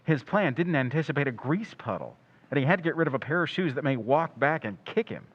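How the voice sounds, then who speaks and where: A man's voice: fairly high pitch, expressive, brisk, dull audio. A man playing a confident, probing crime photographer sleuth in an old-time radio drama. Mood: confident, musing.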